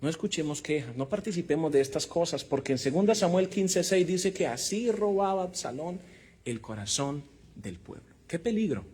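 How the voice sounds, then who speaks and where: Preaching a Bible lesson to his congregation, this man has a fairly high, animated voice with a darkish, breathy tone and a moderate pace. His sermon-style teaching is emphatic, punctuated by rhetorical questions and amens.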